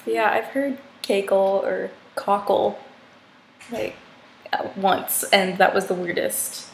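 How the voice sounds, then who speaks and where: A woman's voice: mid-range voice, a little slow, vocal fry. A young woman vlogger chatting casually and giggling, talking into her laptop mic. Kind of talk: casual chat on a video call. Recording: echoey room with faint noise.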